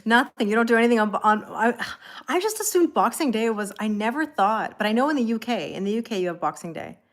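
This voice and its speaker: With a fairly high, lively voice and a quick pace, a Canadian woman who seems to be in her thirties runs a tarot live stream. She keeps things casual, greeting viewers by name and laughing frequently.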